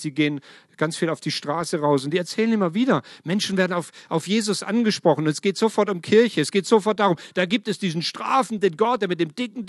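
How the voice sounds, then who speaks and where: A middle-aged man preaching a lively sermon, speaking directly to his congregation with emphatic, varied delivery. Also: high-pitched, dry recording, clean studio sound.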